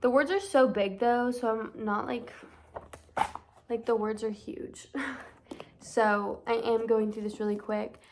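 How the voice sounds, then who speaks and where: A woman's voice: a little high, steady tone, a little slow, pauses often, noisy background. A young woman in her twenties giving chatty, gushing reading updates in a casual vlog. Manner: gushing, chatty, lots of fillers. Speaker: book vlogger.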